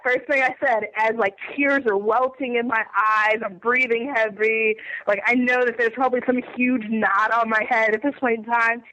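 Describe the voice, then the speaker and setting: A woman's voice: a little high, sharp tone, no echo, rough recording. A woman in her twenties, a wrestler being interviewed, telling a story animatedly and laughing often while under the weather. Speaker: guest wrestler.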